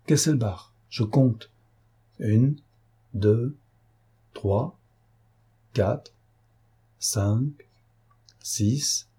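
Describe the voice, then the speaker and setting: A silky, mocking gang boss from an audiobook, courteous on the surface and cold underneath, as a man puts him on. The tone sits a bit above the reader's own, warm and slightly husky. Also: mid-range voice, drawn-out words, pauses often, exaggerated voice. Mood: menacing. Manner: smooth, ironic, coldly polite. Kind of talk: audiobook character voice.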